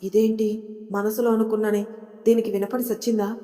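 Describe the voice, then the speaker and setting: A woman voicing a vain, sharp-tongued young woman who talks down to everyone, in a storybook reading with long hall reverb. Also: medium pitch, flat delivery, brisk, soft background music, lightly acted. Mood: jealous. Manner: scornful, bossy.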